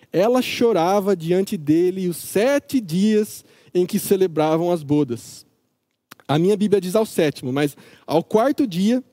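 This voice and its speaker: A man with a Brazilian accent teaching a Bible study in a lively, joking way, acting out the characters. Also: high voice, no room sound, studio quality.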